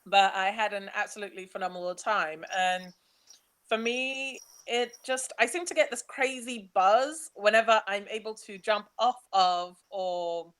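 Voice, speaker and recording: A young woman from Nigeria, speaking, gives a chatty, animated webinar talk about her travels while slides are changed. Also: medium pitch, unhurried, clear, resonant tone. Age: young adult. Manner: chatty, animated, laughs easily.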